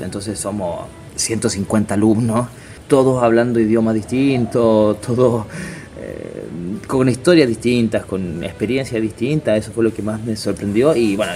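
This is a man in his thirties from Chile who works as a circus artist, replying to an interviewer in a loose, halting manner with plenty of fillers and false starts. His voice sits lowish and has a somewhat dark tone.

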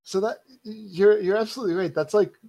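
A man hosting a relaxed conversation, opening his short questions with hesitant fillers. His voice sits a little high with a mellow, dark tone. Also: a little fast. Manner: brief questions, hesitant starts. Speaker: podcast host. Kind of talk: casual interview chat.

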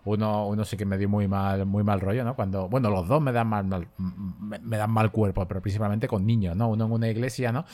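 Man, low pitch, casual film podcast, halting delivery, frequent tag questions. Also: steady tone, darkish tone. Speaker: podcast co-host.

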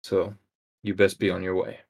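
Weary, dismissive city guard in a tabletop game, as a man puts him on; low gravelly voice, flat delivery. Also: moderate pace.

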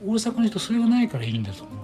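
Quick-talking man with music behind. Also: sits high, big pitch swings. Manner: attentive listener, constant agreeing backchannels. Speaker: radio show host. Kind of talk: casual radio chat.

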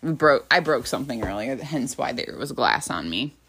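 A young woman with a low voice co-hosts a casual podcast about books. She talks in a chatty, easygoing way and laughs easily. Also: expressive, normal speed, fairly bright tone, slight background noise. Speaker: podcast co-host.

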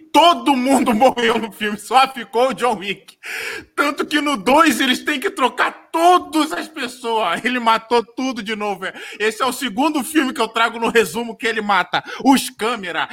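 A man with a Brazilian Portuguese accent, co-hosting a podcast and retelling a movie as a rambling, profane comic recap. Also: high-pitched. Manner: rambling, profane storyteller who shouts sound effects. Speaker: podcast co-host.

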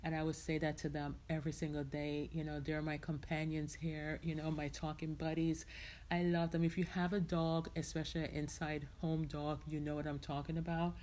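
Woman host from Jamaica, middle-aged, casual rambling podcast chat, slightly low voice. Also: little pitch movement, a little fast, a little mellow. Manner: chatty, rambling, heartfelt, many "you know"s.

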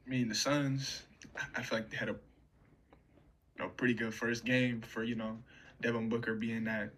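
A man's voice: mid-range voice, flat delivery, normal speed, fairly bright tone, slightly rough. A man co-hosting a casual sports podcast, hedging his opinions and filling gaps with "you know". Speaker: podcast co-host. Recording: faint background noise.

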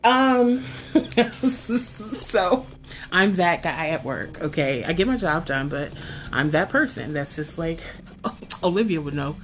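A woman in her forties talking casually and expressively about horror films, laughing often and swinging her voice up high for emphasis. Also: lively intonation, takes it slowly, long pauses, a little hiss or hum. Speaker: horror film reviewer. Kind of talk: casual countdown commentary.

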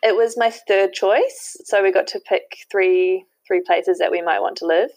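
A woman's voice: medium pitch, a little slow, a little mellow, no room sound, low-quality recording. A woman, a guest chatting casually and laughing often. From New Zealand. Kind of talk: casual interview chat.

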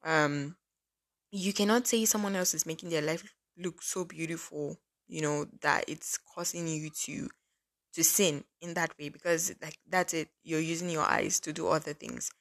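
A woman's voice: sits low, moderate pace, a bit bright. A woman in her early twenties hosting a casual faith-based podcast, chatty and earnest, with lots of "like" fillers. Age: early 20s. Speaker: podcast host.

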